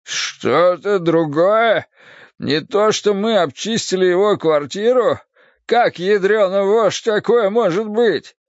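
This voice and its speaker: A man voicing a dazed, poisoned crook in an audiobook, who talks in a slow, slurred, whining drawl. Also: mid-range voice, creaky, darkish tone, clean tone, dry recording, exaggerated voice. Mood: panicked, disbelieving. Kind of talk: audiobook character voice. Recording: dull, dry audiobook recording.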